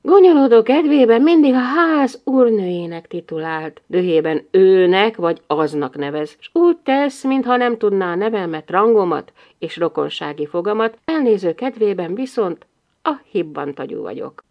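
A woman narrating a humorous novel in the first person, with a wry, lively delivery. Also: mid-range voice, muffled recording. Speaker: audiobook narrator.

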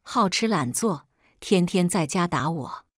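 A woman's voice: fairly low pitch, lively intonation, measured pace, no echo, clean studio sound. A woman voicing a manipulative young pregnant daughter who pleads and stammers, in scripted storytelling. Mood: pleading.

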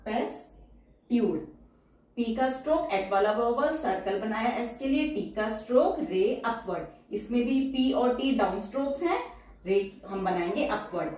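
A woman teaching shorthand, explaining each outline step by step and repeating every word slowly and carefully. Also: fairly high pitch, lively intonation, darkish tone, far from the mic. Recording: very echoey room, voice from off the mic.

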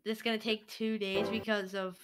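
A woman's voice: medium pitch, level tone, normal speed, loud music behind the voice. A young woman playing a tabletop game, casual, giggly and a little hesitant. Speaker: player.

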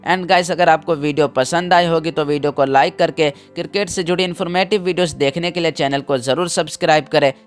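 A man's voice: a little high, steady tone, fairly quick, hardly any pauses, soft background music. A man reading a scripted cricket voice-over for an online channel, speaking straight to his viewers. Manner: reads a prepared script, addresses viewers directly.

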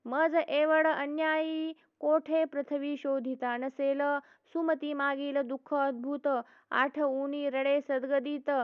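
A woman reading devotional verse aloud in a steady, chanting cadence, as a scripture reader. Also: high-pitched, no echo. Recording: tinny phone-like dry recording.

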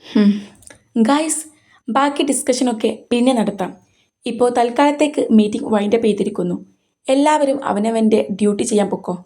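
Brief: woman doing a doting young hero boss, gentle coaxing, mellow voice. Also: fairly high pitch, brisk, lightly acted. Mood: commanding. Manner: coaxing, tender. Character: tender young male boss, protective lover.

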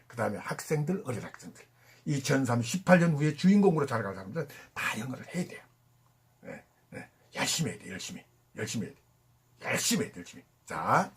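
Husky, lively male pronunciation teacher. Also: mid-range voice. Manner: drills words slowly, sings nursery-rhyme lines, repeats sounds emphatically. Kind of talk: pronunciation lesson.

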